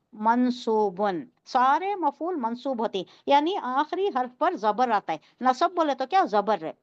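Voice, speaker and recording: High-voiced woman teaching Quran tafseer. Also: no echo, dull audio. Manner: explains Arabic word by word, quizzes listeners.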